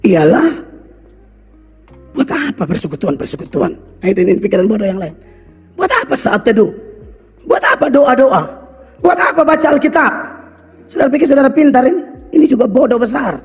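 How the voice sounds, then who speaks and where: A man preaching in a Kupang accent, his voice unusually high and husky. He scolds bluntly and drops into local slang. The sermon rings through a reverberant church hall over faint background music. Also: lively intonation, brisk, pauses often. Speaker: pastor.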